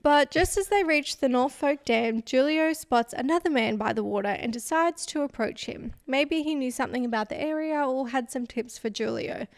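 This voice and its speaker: A woman with a fairly high voice tells a true crime story on a podcast. Her narration is relaxed and chatty, and she breaks off now and then to tease her co-host. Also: normal speed, hardly any pauses, no echo, studio quality. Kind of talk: casual storytelling chat.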